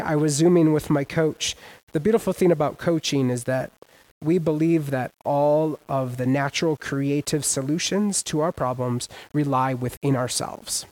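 A man preaching a sermon as pastor, emphatic and casual, with sudden loud rises and everyday slang. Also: a little high, low-quality recording.

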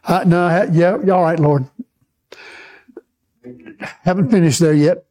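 Slow-talking preacher guy teaching his church, keeps checking everybody's following. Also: fairly high pitch, fairly even intonation, a little mellow. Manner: slow, repetitive, checks in with the congregation. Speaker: pastor. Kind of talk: sermon teaching.

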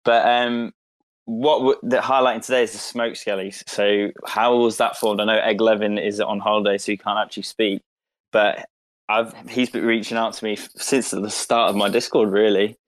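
A man with a fairly low voice hosts a casual online chat. He is chatty and laid-back, and the sound is dry and close. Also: flat delivery, moderate pace, no room sound. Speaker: host.

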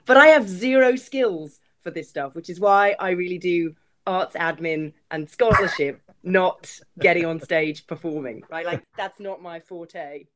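A woman from England with a mixed English accent, partly Australian, chatting as an interview guest in an expressive, crisply enunciated way. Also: on the low side, a little slow. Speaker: guest, arts executive director. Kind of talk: casual interview chat.

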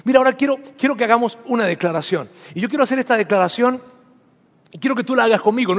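A pastor delivers an emphatic sermon in a church hall, repeating phrases and guiding the congregation through spoken declarations. His voice is high, and the room sounds big.

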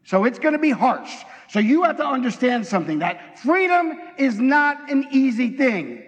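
A man preaching an energetic sermon in a church, talking fast and excitedly and acting out bits of dialogue. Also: very high-pitched, dull audio. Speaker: pastor. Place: church sanctuary. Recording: long hall reverb.

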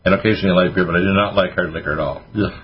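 A man hosting a radio call-in show, giving health advice in a rapid, hyper way. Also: low voice, steady tone. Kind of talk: casual radio call-in talk. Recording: dull lo-fi radio audio with faint hiss.

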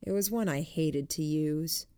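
Slow, low-voiced woman narrating. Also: dark tone, clear, resonant tone, no echo, studio quality. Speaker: audiobook narrator. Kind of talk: first-person fiction narration.

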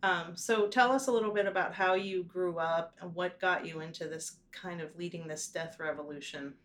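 Low-ish female podcast host, encouraging. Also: normal speed. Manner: warm, encouraging interviewer with frequent backchannels. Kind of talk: casual podcast interview. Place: small hotel room.

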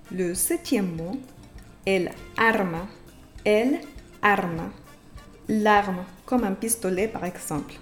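A woman hosting a podcast language lesson who explains slowly and carefully, and who repeats example words for her learners. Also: medium pitch. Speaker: Spanish teacher and podcast host.

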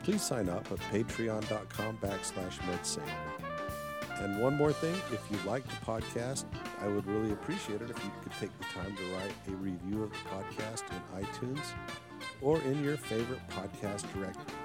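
A man's voice: fairly low pitch, normal speed. Casual male podcast host over music. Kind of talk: casual podcast hosting, reading announcements.

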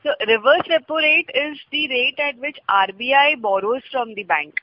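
A woman, co-hosting a casual podcast and calmly explaining economics. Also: sits high, normal speed, no echo. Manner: calm, explanatory, laughs often. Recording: dull lo-fi audio.

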